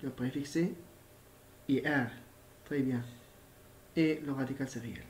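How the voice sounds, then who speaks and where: A male primary school teacher giving a recorded grammar lesson, patiently repeating himself, spelling out letters and filling pauses with hesitations. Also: mid-range voice, steady tone, a little mellow, slight background noise. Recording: echoey room.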